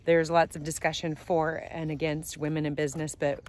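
Delivering her lines flatly and briskly, this woman in her forties has a low, darkish voice. She chats upbeat with fillers for a casual travel vlog, recording herself on a phone at arm's length outdoors on a sunny farm.

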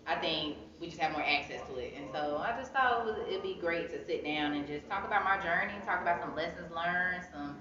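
A young American woman, interviewed as an author, talks casually and thoughtfully while seated against a wall in an indoor art gallery. Her fairly low voice runs a bit fast with hardly any pauses. A phone camera several feet away captures echoey, dull sound with crowd noise.

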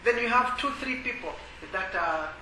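A Malawian man who works in ministry shares his story as a workshop testimony at a church. His voice is fairly high-pitched, and he pauses frequently on filler sounds. Echo fills the room, with constant noise beneath his words.

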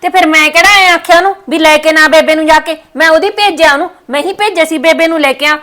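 A woman playing a sharp-tongued daughter-in-law who argues and scolds her mother-in-law in a family short film. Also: extremely high pitch, fast. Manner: scolding, argumentative.

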